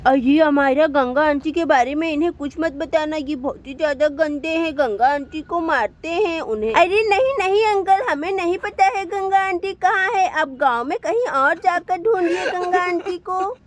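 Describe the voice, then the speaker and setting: A woman voicing eager, tattling village children in a doll story, childish and excitable. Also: very high voice, moderate pace, hardly any pauses, a little hiss or hum.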